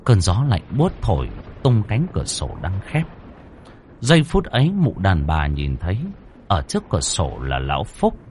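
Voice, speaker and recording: A man narrating a horror audiobook in a dramatic, expressive storytelling manner. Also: low-pitched, normal speed, slight background noise.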